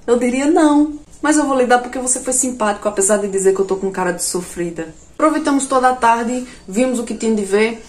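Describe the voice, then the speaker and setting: Woman doing a comedy story, highish voice, loud bursts, echoey room. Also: fast. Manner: animated, jumps to shrill outbursts when quoting herself. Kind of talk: comic storytelling monologue.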